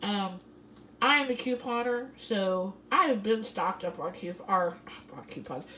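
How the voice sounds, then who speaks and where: A woman's voice: mid-range voice, lively intonation, unhurried, bright, forceful tone, slight background noise, poor audio. Chatty woman rambling over a grocery haul. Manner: chatty, rambling, laughs often, many fillers. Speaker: vlogger. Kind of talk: casual grocery haul vlog. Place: home kitchen.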